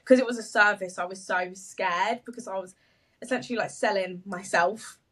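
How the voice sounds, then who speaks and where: A woman's voice: mid-range voice, normal speed, far from the mic. A young woman from the UK, a social media marketer, chatting casually on a podcast with lots of fillers and laughter. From United Kingdom. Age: young adult. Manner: chatty, animated, laughs often, many fillers.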